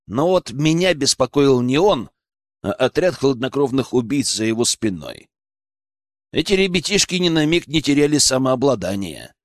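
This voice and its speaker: A man's voice: medium pitch, normal speed, no echo, studio quality. Man narrating an audiobook expressively. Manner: expressive, dramatic reading. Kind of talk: first-person audiobook narration.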